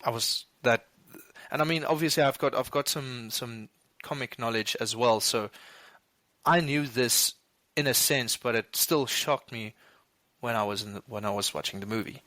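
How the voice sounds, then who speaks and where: A man's voice: medium pitch, pushed and bright, no room sound. A man co-hosting a movie podcast, chatting casually and rambling with frequent restarts. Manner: rambling, restarts, quick laughs. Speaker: podcast co-host. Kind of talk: casual chat.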